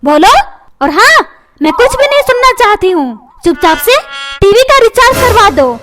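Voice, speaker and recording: A woman's voice: very high-pitched, very animated, moderate pace, a bit bright, full character voice. A woman voicing a nagging, quarrelsome mother in a cartoon, complaining to her husband and doting on her son. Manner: complaining, demanding, repeats questions. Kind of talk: cartoon comedy voice acting. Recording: background music.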